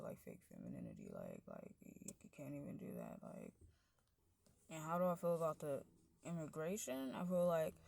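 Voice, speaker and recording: A deep-voiced woman rambles through a casual monologue, stuffing every phrase with "like" and "you know" as her pitch and loudness drift. There's vocal fry, and the recording is dry.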